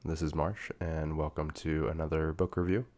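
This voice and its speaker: A young booktube reviewer with a very deep, slightly mellow voice chats casually through a book review at a moderate pace and level tone. His voice sounds a bit off because he's recovering from being sick. He talks informally, using slang and plenty of fillers.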